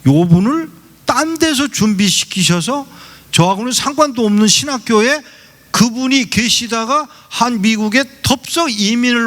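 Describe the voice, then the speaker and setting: High-pitched guy pastor preaching in church, does little voices for people in his story. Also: fairly bright tone. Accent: Seoul Korean. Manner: acts out dialogue in quoted voices. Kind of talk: sermon with storytelling. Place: church sanctuary.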